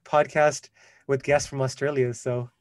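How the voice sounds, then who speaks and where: A man's voice: medium pitch, level tone, unhurried, dry recording. Dry-sounding male podcast host. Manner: friendly, loose, with filler words. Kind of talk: podcast interview chat.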